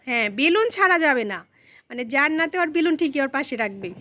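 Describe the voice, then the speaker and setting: A woman's voice: sits high, very animated, brisk, pushed and bright. A woman filming and narrating a casual family vlog, coaxing her small daughter while talking to viewers.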